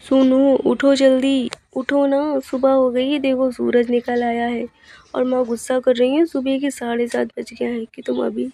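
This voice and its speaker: A woman voicing a young husband, lower-pitched. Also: little pitch movement, moderate pace, mellow, lightly acted. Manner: urgent, coaxing. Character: young husband, hurried and urging.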